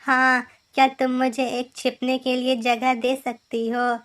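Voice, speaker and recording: A woman's voice: little pitch movement, a little slow, a bit bright. A woman voicing a timid fallen star child. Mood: pleading. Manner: higher put-on voice, wondering. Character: lost young star fallen from the sky, timid. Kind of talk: children's cartoon voice acting.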